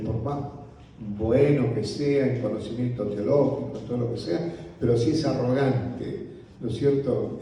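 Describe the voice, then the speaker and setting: A man with a Rioplatense accent teaches church leaders in a gentle, unhurried voice, tagging his points with a soft "right?". His tone is dark and mellow. He is picked up from a distance in a large, echoey hall with a long reverb. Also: medium pitch, a little hiss or hum. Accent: Rioplatense Spanish. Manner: slow, unhurried delivery with frequent "¿no?" tags; softly spoken. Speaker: pastor. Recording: roomy hall audio from a distance.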